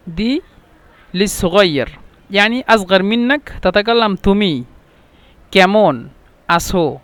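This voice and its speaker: High clear-voiced man teaching phrases. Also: a bit bright, no echo. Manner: speaks colloquial Arabic, frequent "yani". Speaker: language teacher. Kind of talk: language lesson, repeating phrases slowly.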